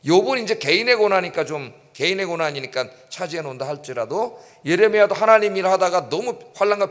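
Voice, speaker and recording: Male pastor, high-pitched, lively sermon delivery, long church reverb. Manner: animated, acts out prayers and rhetorical questions. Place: church sanctuary.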